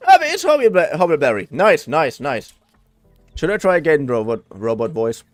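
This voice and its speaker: Streaming a video game live, this man delivers emphatic, theatrical let's-play commentary with casual swearing and dramatic read-aloud passages. He talks a little fast in a sing-song voice on the high side. The recording is dry, with faint music behind him.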